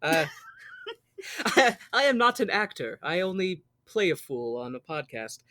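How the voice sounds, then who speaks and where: An American podcast host from the Mountain West recaps a musical in a playful, jokey, casual way. His high voice is sing-song, pushed and bright, at a measured pace, with no room sound.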